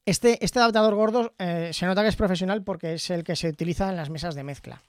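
A man from Zaragoza, Spain, chatting casually into a studio microphone as he reviews his headphones, often tagging his phrases with a quick question. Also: high-pitched, dry recording. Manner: chatty, tags phrases with "¿vale?". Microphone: studio microphone in front of him.

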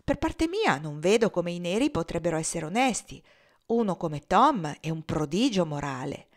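A woman reading aloud, voicing a sardonic wealthy gentleman who laughs mockingly as he talks. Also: fairly low pitch, very animated, normal speed. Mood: amused, cynical. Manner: mocking, laughs while talking. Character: sardonic wealthy Southern gentleman, cynical, amused.

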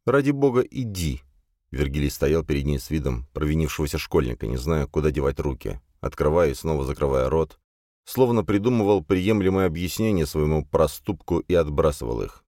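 Male narrator for a novel, very deep voice, dry close sound, measured delivery. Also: warm tone, no room sound. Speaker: audiobook narrator. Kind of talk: scripted narration.

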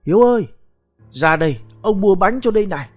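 A fussy old grandfather who scolds and fusses over his family, as a male narrator puts him on. His voice rises high and lively when he scolds. Faint music plays behind him. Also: a little fast. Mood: calling. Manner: raised, scolding.

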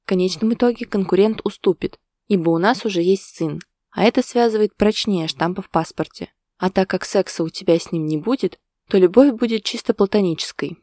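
A woman's voice: mid-range voice, fairly quick, warm tone, dry recording, lightly acted. Woman reading a stubborn young husband, jokey and insistent, storybook romance, dry sound. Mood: teasing.

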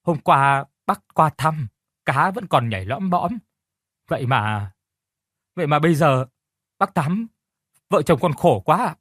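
A man voicing a distraught young village wife who pleads tearfully and turns sharp when she scolds. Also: fairly high pitch, animated, unhurried, pauses often, no echo, clean studio sound. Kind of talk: audiobook character reading.

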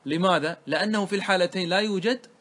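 A man teaching a grammar lesson. He explains a classical poem line by line, asks his listeners questions and answers them himself, and slows down to quote the verses. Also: sits high, fairly bright tone.

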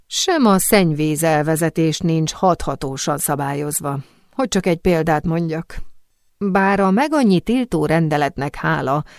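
Smooth worldly perfume master, calm and sure of himself, woman doing him low and dry. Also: no room sound. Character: suave worldly male perfume master guardian. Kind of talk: audiobook character reading.

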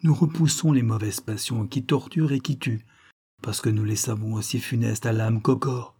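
A man's voice: medium pitch, steady tone, normal speed, mellow, slightly rough. A man reading aloud and voicing a proud, earnest nineteen-year-old island woman in a classic adventure novel.

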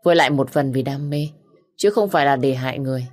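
A woman voicing a calm, firm male doctor who explains things in a steady, measured way in an audiobook. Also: very deep voice. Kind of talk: audiobook character reading.

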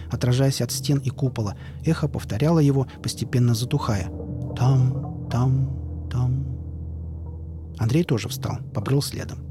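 A man narrating an audiobook in a steady, even storytelling voice. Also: medium pitch. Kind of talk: scripted narration. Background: music.

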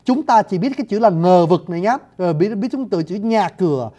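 Speaking a little fast and with plenty of animation, a language teacher with a high, warm voice walks viewers through writing systems and sounds. He addresses them politely and demonstrates pronunciations, and the recording is lo-fi.

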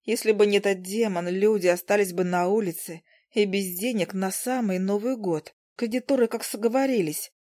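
A woman's voice: mid-range voice, moderate pace, few pauses, mellow, lightly acted. A woman voicing a kindly, worried older aunt who talks in a homely, confiding way.

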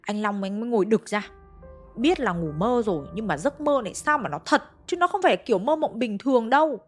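A woman's voice: fairly high pitch, animated, fairly quick. Hanoi woman storyteller, chatty ghost-story narration over faint music. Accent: Hanoi Vietnamese. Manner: conversational, addresses listeners.

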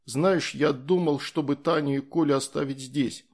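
A man voicing a calm, easygoing soldier in an audiobook, explaining things in a matter-of-fact way. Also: fairly high pitch, moderate pace.

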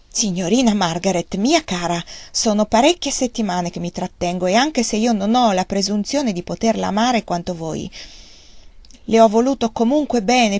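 A woman's voice: medium pitch, a little mellow, dry recording, lightly acted. A woman reading the part of an older maidservant who scolds sharply but is fiercely loyal. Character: older female servant, sour, reproachful and loyal.

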